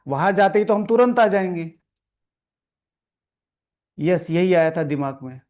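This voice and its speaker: A man's voice: fairly high pitch, darkish tone. A man teaching a spiritual class, reading the lesson aloud and explaining it, scolding the listeners, repeating lines and asking the room questions. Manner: often adds "theek hai" as a check-in. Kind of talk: sermon with explanation to a seated class. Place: meditation hall with a live audience.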